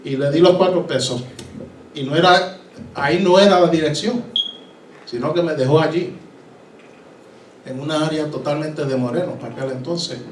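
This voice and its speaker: This Puerto Rican preacher talks at a moderate pace with long pauses, his voice a little high and his accent Puerto Rican Spanish. Sharing his testimony from the pulpit, he impersonates voices and switches into English at times. The mic is far off in an echoey church hall, and the background is noisy.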